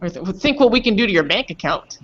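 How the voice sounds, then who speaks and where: A man with a bright, forceful voice runs an online English class, throwing questions at his students in a chatty way. The call audio is dull and lo-fi. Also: high-pitched, lively intonation, fast talker, slight background noise. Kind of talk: casual class discussion. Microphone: video call.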